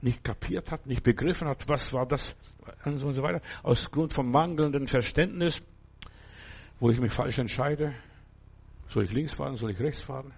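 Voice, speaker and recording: A man's voice: mid-range voice, normal speed, creaky, husky. An older man preaching a sermon in a conversational, emphatic way, often asking his listeners whether they understand.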